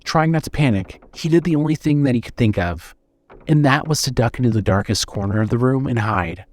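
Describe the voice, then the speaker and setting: A man's voice: mid-range voice, lively intonation, a little fast. Male narrator reading a horror story.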